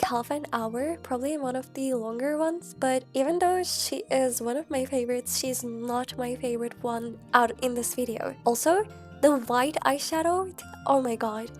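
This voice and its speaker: A woman's voice: high-pitched, darkish tone. A young woman with a cold and a stuffy, nasal voice, chatting casually and rambling in a self-mocking, slangy way as she narrates her gameplay. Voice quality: nasal, congested. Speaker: Sims content creator. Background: faint background music.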